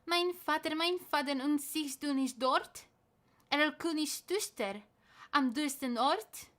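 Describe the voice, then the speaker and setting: Woman voicing a scared little boy, high pitched, loud, urgent, pleading. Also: normal speed. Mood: frightened. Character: frightened young boy crying out to his father.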